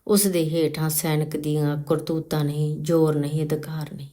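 A woman reading a novel aloud as a storyteller, in a slow, deliberate, dramatic way. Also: low voice, flat delivery, warm tone. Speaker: story reader.

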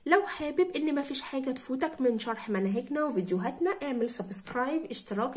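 A woman English teacher with an Egyptian Arabic accent, leading a vocabulary drill and repeating each word slowly and clearly for her pupils. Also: a little high.

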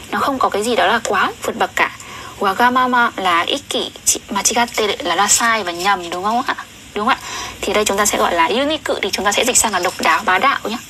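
A young woman tutoring Japanese on a livestream, chatty and often asking viewers questions, reading sentences slowly. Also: medium pitch, pushed and bright, slight background noise, poor audio. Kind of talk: casual livestream lesson.

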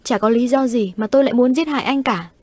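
A scornful young ghost wife, as a woman reading a horror story puts her on, pitched higher and pushed a little louder than the plain narration. Her delivery is cold and threatening. The voice sits close and dry, with no room around it. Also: fast, no room sound, lightly acted. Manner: cold, accusing, menacing.

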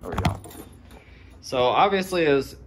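Animated and speaking at a normal pace in a voice on the high side, a man vlogs informally from his home garage workshop, walking "guys" through a hands-on DIY build. Background noise is clearly audible in the handheld recording.

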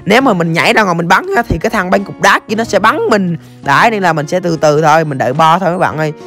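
A game streamer rattles off rapid, excitable play-by-play, breaking into bursts of exclamations. The voice sits at a middle pitch, and soft music plays faintly underneath. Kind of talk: live gameplay commentary.

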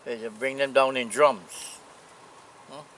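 A man in his eighties from Anguilla with a Caribbean accent, reminiscing casually in an unhurried, plainspoken way. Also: medium pitch, fairly even intonation, a bit bright, low-quality recording. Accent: Anguillan Caribbean English. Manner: unhurried, plainspoken old seaman's talk with pauses. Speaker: retired sea captain, interviewee. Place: outdoors on a seaside hillside. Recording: outdoor camera audio with noise.

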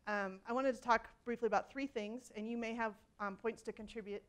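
A keynote speaker in her forties addresses a conference from a hall stage in a brisk, somewhat high voice with fairly even intonation. Her talk is conversational, peppered with ums and restarts, and she pokes fun at herself.

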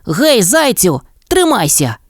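A woman's voice: lowish voice, unhurried, dry recording, pitched above the performer's own voice. A cheerful, curious little male mole from a storybook, voiced by a woman. His voice sits well above the narrator's and jumps about eagerly. The sound is dry and close. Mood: excited. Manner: bright, excited, childlike exclamations. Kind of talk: storybook voice acting.

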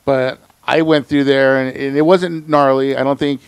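A man's voice: medium pitch, level tone, moderate pace, clear, resonant tone, no room sound. A man hosting a podcast, telling stories in a laid-back, slangy casual chat. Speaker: podcast host.

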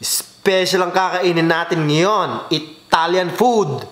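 A man's voice: high-pitched, slow pace, fairly bright tone, echoey room. A man hosting a comedic cooking video, playful and laughing, announcing like a showman. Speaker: comedy vlogger. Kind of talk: comedic mukbang banter.

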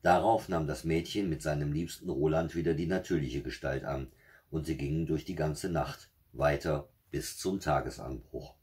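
A man with a husky voice reading a fairy tale aloud in a steady, measured way. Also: rumbling low. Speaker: storyteller.

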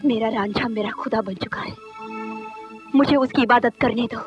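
An actress as a defiant young lover, high-voiced. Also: female voice, moderate pace, lightly acted. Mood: impassioned. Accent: Indian. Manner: impassioned, unyielding. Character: defiant young woman devoted to her lover. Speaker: film actor. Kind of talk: dramatic Hindi film acting. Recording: dull old film soundtrack, loud music.

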